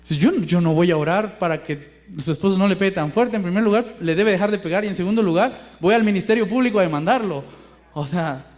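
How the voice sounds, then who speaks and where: A male Mexican pastor with a Mexican accent delivers a sermon in a notably high voice. He talks conversationally, asking the congregation rhetorical questions and acting out the voices he quotes. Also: fast talker, darkish tone.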